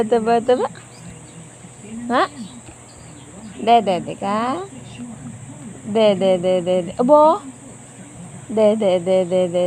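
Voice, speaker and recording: A woman's voice: a little high, darkish tone, slight background noise. A woman with a Filipino accent talking to a baby in playful, sing-song baby talk, repeating short questions and nonsense syllables. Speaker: parent or carer of a baby.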